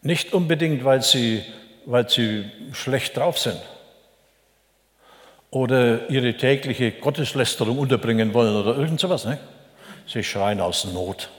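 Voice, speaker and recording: A man's voice: mid-range voice, measured pace. Older male preacher, folksy and chatty sermon delivery, recorded in a reverberant hall. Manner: chatty, folksy, frequent "ne?" asides. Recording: echoey hall with long reverb.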